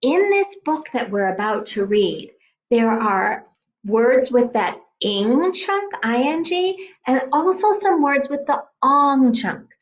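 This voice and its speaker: A woman teacher reading a picture book aloud to children, gentle and expressive, pausing to ask questions. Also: high-pitched.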